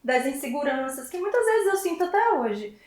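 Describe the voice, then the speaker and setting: A woman's voice: high voice, big pitch swings, moderate pace. A woman, candidly telling her own story in a panel talk. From Bahia, Brazil. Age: 40s. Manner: candid, reflective, leaning on tag questions. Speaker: dermatologist guest. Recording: roomy echo.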